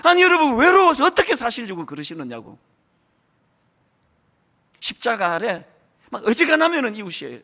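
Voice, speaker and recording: A man's voice: very high-pitched, fairly bright tone. A middle-aged man from the Gyeongsang region preaching a sermon as pastor, acting out church members' remarks in mocking voices. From Gyeongsang region, South Korea.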